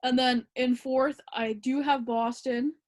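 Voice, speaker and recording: A female podcast co-host discusses hockey in a casual setting. She speaks with a mildly high voice, calm and a little hesitant, using plenty of "um"s to fill pauses.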